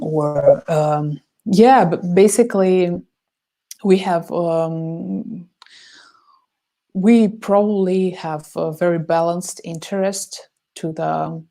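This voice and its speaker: A woman's voice: low voice, warm tone. A woman who develops business for a podcast app, answering interview questions in hesitant full of fillers and restarts. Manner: halting, many fillers and restarts.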